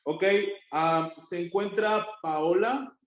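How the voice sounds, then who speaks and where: Guy teaching online, high voice, lots of "ok?", super echoey room. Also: slow. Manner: conversational, checks in with frequent "ok?". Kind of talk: online class lecture with anecdotes.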